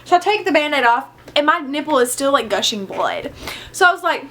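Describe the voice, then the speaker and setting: A young woman telling a candid storytime in a casual vlog, chatty and animated, swearing freely. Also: high voice, fairly quick, slight background noise. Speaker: vlogger.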